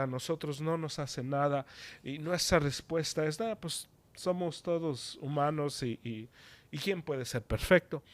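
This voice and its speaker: A man preaching a sermon in an earnest, conversational way. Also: medium pitch.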